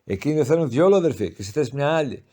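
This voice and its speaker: Grieving pious old village mother, plaintive and heartfelt, mellow tone, read by a man. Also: medium pitch, lively intonation, lightly acted. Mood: aggrieved.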